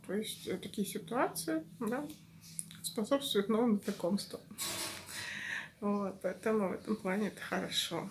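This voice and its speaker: A woman vlogger, chatting casually and confidingly to her followers in a rambling, informal way. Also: medium pitch. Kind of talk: casual vlog chat to followers. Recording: clear background noise, home-made vlog.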